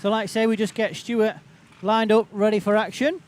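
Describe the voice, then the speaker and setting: At an outdoor tractor pull, a male announcer gives live, unscripted commentary that's chatty and rambling. His voice sits high with little pitch movement, at a moderate pace.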